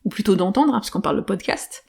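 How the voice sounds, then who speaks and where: A woman's voice: medium pitch, sing-song, fast talker, gravelly, darkish tone, breathy edge. A woman hosting her own podcast, explaining ideas in a casual, thinking-aloud way with frequent fillers and restarts. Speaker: podcast host. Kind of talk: solo podcast talk.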